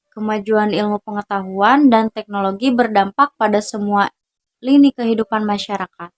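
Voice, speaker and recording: Reading her portion of a group presentation for class, a young female student speaks a little high, keeping a steady, careful delivery and pausing after each item in a list.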